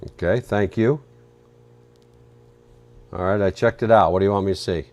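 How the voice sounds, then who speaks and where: Casual live market commentary comes from a man running a trading stream, who chats and fields viewer questions as he reads charts. His voice sits low, a little mellow, at normal speed, but it's getting worn and he's losing it.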